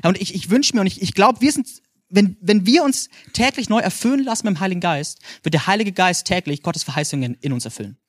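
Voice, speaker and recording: A young Franconian man with a Franconian German accent delivers an energetic, animated sermon, frequently shouting "hey" and asking "ja?". His voice is high-pitched and fast, captured in studio quality with no echo.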